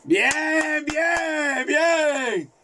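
A man commentating his own football video game, excitable and swearing, repeating words in rapid bursts. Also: very high voice, background noise. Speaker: gaming video creator.

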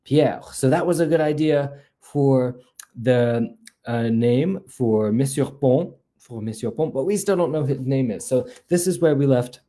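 A man's voice: mid-range voice, takes it slowly, dark tone. A male language teacher reading a children's story time, switching between two languages and patiently repeating words for learners.

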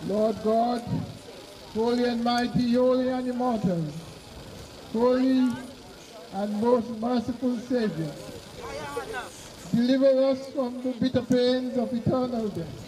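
Guy priest doing solemn burial prayers, really slow, soft-toned, far off mic outside w bit of noise. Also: very high voice, steady tone. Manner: measured, formal recitation in short phrases. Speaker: clergyman officiating at a burial. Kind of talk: solemn graveside prayer and scripture reading. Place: outdoor cemetery on open grassy ground. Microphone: far camera behind the speaker. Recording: distant mic outdoors, faint noise.

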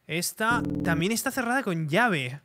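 A man's voice: high-pitched, lively intonation, a little slow, heavy background noise. A young man from commenting on a horror game, easily startled and repeating exclamations. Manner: jumpy, reacts with frightened shouts and repeated exclamations. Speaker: gaming streamer.

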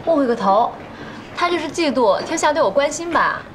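A woman's voice: high voice, animated, fairly quick, noisy background. An actress in her twenties playing a pushy, gossipy young woman in a TV drama, brash and nosy. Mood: scornful. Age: 20s. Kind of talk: TV drama acting. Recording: background music.

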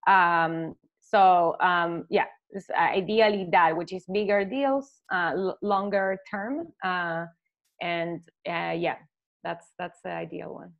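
On a video call through her laptop webcam, an Argentine agency owner in her thirties poses a question from her living room at home. Her lowish, creaky voice moves slowly, full of hesitations, fillers, and restarts, and the call audio is dull and lo-fi.

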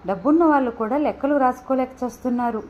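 A woman's voice: high voice, quick pace, darkish tone, dull audio, natural voice. A woman reader voicing a breezy, teasing young woman student with a flippant manner.

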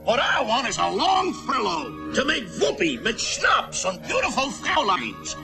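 A man voicing a short-tempered German baron flying ace in a cartoon, ranting loudly in rustic grammar sprinkled with German words. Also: very high-pitched, wildly swooping pitch, a little slow, exaggerated voice. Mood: grumpy, indignant. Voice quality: gravelly. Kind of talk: exaggerated cartoon acting. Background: orchestral cartoon music.

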